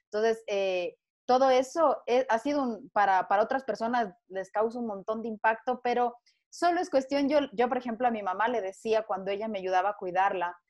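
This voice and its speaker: A woman's voice: fairly high pitch, a little fast, a little mellow. A woman from Ecuador, a guest on a panel talk, speaking earnestly and telling a story with frequent restarts.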